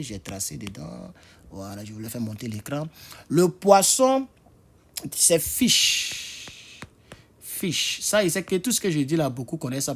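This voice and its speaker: A man's voice: mid-range voice, vocal fry, slightly rough. A man teaching English vocabulary in a casual spoken lesson, spelling words out letter by letter and talking straight to his viewers. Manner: spells words out letter by letter, repeats them slowly; chatty, talks to viewers directly.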